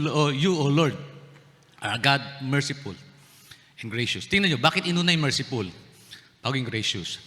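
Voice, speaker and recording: Male pastor, Filipino, sermon, bright voice, asks the congregation questions, long church-hall reverb. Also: medium pitch. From Philippines. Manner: mixes English phrases into his preaching, asks the congregation questions, jokes. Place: church sanctuary.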